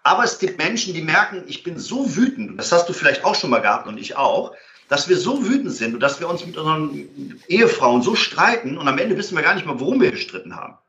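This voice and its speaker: Male interview guest, fairly high voice, explanatory, filler-heavy, echoey lo-fi recording. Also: big pitch swings, fast, sharp tone. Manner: explains with many fillers and acted-out example dialogues. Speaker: guest expert on conflict resolution. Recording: roomy, dull lo-fi sound.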